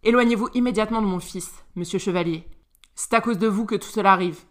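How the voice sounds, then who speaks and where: A woman's voice: mid-range voice, quick pace, close to an everyday voice. A woman voicing a stern, angry aristocratic duke who scolds his son with cold contempt in a storybook reading.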